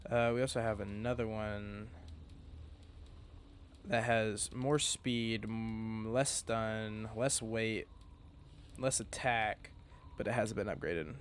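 A man's voice: lowish voice, steady tone, slow pace, pauses often, a little hiss or hum. Rambling, sleepy male game commentator. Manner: rambling, many fillers and restarts, self-correcting. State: sleepy, yawning. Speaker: gaming commentator. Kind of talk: casual gameplay commentary.

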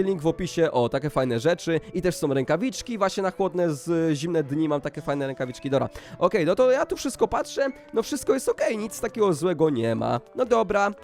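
An excitable man leads a Minecraft role-play for his viewers, his high voice swooping up and down as he exclaims. Faint music plays underneath the whole time. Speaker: gaming YouTuber.

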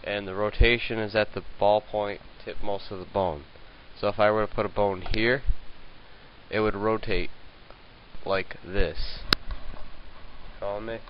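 Low-voiced young man with a hissy lo-fi mic. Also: steady tone, a little slow. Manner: rambling, hesitant, many okays and fillers. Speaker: tutorial maker. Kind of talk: casual screen-recorded software tutorial. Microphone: handheld mic.

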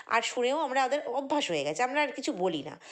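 A woman's voice: high-pitched, sing-song, a little fast. A woman vlogger, giving an indignant, chatty commentary monologue full of fillers and repeated words. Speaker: vlogger commenting on other creators.

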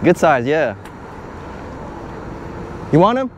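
Speaking slowly in a fairly high, very animated voice, a young man narrates a laid-back vlog while fishing off an outdoor pier. He's talkative and cheerful, filmed with a head-mounted action cam whose outdoor audio has noticeable noise.

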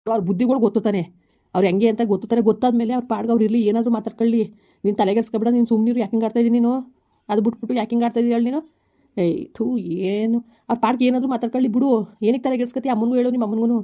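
Her voice on the high side and close to how she normally talks, a woman races through a village comedy skit as a husband caught between his wife and his mother. She sounds exasperated and scolding, with fairly even intonation, very fast speech, and a slightly dull lo-fi recording.

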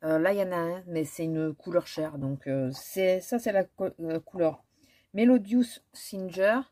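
Woman vlogger, husky, lowish voice, hesitant casual chat. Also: steady tone, normal speed, mellow. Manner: chatty, hesitant, many fillers and restarts. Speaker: beauty vlogger. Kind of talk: casual haul chat with swatches.

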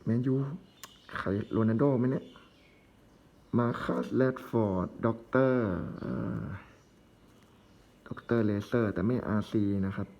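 A man's voice: medium pitch, fairly even intonation, unhurried, long pauses, darkish tone, a little hiss or hum. A man casually commenting while opening trading card packs, reading out player names in short bursts with chatty asides.

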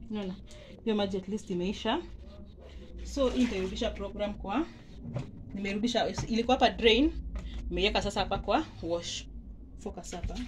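In a small home laundry area, a Kenyan vlogger films a casual how-to on her handheld phone, chatting in a mix of Swahili and English while pointing things out. Her voice sits mid-range, runs a little fast, and has long pauses, and running water makes the recording noisy.

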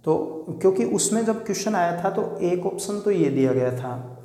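A man gives an exam-prep grammar lesson in a fairly high, mellow voice, repeating key points and often pausing to check in. His voice rings through a bare room with a long echo trailing behind each phrase. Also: lively intonation. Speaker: teacher. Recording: echoey room with long reverb.

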